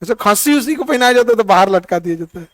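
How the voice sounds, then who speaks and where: A man's voice: high voice, lively intonation, quick pace, no room sound. A middle-aged man teaching a physics lesson in a classroom, quizzing and teasing his students by name.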